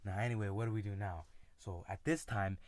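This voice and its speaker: A man telling a personal story in a casual, halting way, with many fillers and restarts. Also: on the low side, fairly even intonation. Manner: retells friends' lines in his own voice.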